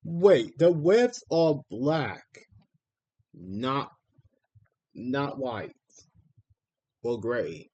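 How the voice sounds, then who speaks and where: A man's voice: mid-range voice, expressive, extremely slow, pauses often, a little mellow, lo-fi sound, a little hiss or hum. A man streamer giving casual live reaction commentary on trailers, repeating himself and exclaiming in mild slang.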